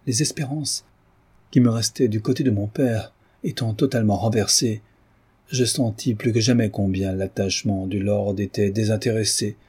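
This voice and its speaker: Male narrator, measured reading, dark husky tone. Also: on the low side. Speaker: audiobook reader. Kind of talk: audiobook narration.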